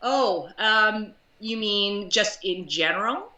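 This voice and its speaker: A woman from Canada, a guest chatting casually on a video call, talkative and quick to laugh. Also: medium pitch, expressive, sharp tone, reverberant, distant mic. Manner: chatty, laughs easily, many fillers.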